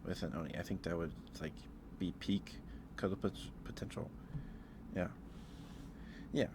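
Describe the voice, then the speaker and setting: A man with a low-pitched voice and moderate pace runs a casual ASMR livestream. He muses hesitantly, rambles, and repeats himself, and background noise can be clearly heard.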